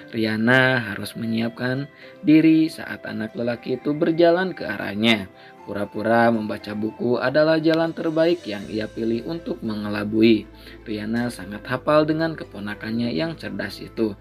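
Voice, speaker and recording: Steady male storybook narrator. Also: medium pitch, creaky. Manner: steady, measured reading with small slips.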